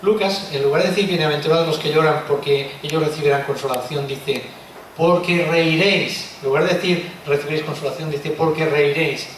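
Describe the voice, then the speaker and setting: A man preaching a sermon, expressive and full of rhetorical questions. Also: fairly high pitch, fast talker, few pauses. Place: church hall. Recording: echoey room from far off, faint noise.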